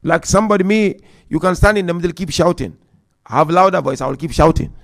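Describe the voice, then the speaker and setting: The Muharram majlis speaker, whose voice sits a little high, works through his lecture point by numbered point. He rattles off Quran verses in a fast chant and moves back and forth between forceful emphasis and hushed asides.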